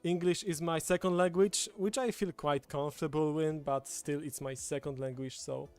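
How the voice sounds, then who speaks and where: Background music plays as a native Polish speaker from Poland, with a Polish accent, casually hosts a livestream from a table indoors with a streaming setup. He has a fairly high, darkish, smooth voice with a steady tone and moderate pace.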